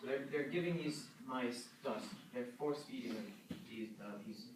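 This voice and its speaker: A man presenting a journal article to a class, talking haltingly with many fillers and restarts. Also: medium pitch. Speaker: student presenter. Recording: echoey room, distant mic, noisy.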